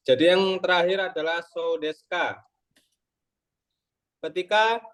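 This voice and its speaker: A man's voice: a little high, fairly bright tone. A young man with a slightly raised voice teaches a small class, explaining each point patiently. He walks through examples step by step and keeps checking that the students follow. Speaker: Japanese tutor. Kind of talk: online Japanese lesson explained in Indonesian.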